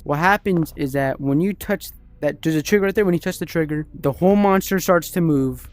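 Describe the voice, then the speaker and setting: A young man with a slightly high, darkish voice rambles casually in a gaming vlog about his progress building a level in a VR game, chatty and often correcting himself.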